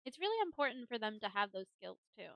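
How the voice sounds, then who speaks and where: A young woman streamer chatting casually, telling family stories in a lively, animated way and laughing often. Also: a little high, fast, creaky, dry recording, lo-fi sound. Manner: laughs often while talking. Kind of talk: casual chat.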